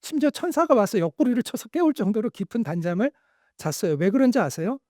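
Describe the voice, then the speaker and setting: High-voiced animated male pastor. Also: fast, no room sound, studio quality. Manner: animated storytelling, acting out quoted lines. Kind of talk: sermon.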